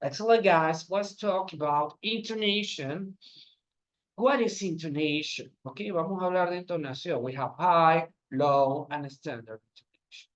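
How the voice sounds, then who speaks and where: A man teaching an English lesson on video, giving instructions and modeling sentences. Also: on the high side. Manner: explains slowly and gives classroom instructions. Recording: dull lo-fi sound.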